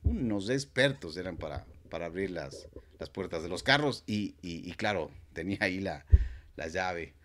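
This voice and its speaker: A man casually telling a personal story on a stream, acting out the dialogue with lively voices. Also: sits low, moderate pace. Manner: animated, acts out dialogue with voices.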